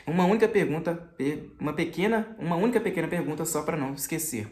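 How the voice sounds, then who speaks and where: A man's voice: a little high, fast, darkish tone, natural voice. A man voicing an insistent, fawning middle-aged magistrate in an audiobook reading. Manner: insistent, chatty, falsely friendly. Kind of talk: audiobook character voice. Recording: roomy echo.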